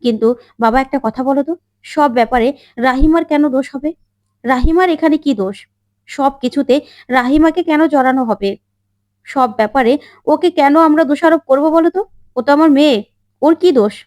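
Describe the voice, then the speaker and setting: A woman's voice: high voice, moderate pace, long pauses, darkish tone, no echo, close to an everyday voice. A woman voicing a middle-aged father-in-law who earnestly defends his daughter-in-law. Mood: protective. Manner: earnest, pleading.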